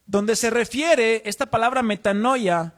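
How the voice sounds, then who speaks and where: A man's voice: extremely high pitch, measured pace, fairly bright tone. A man preaching a teaching sermon in an earnest, explanatory way, asking the congregation questions. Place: church.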